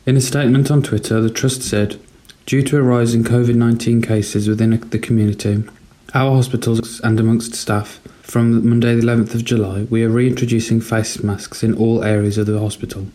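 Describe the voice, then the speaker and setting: Male news reader, warm mellow timbre, measured delivery. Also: medium pitch, little pitch movement. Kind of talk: reading local news.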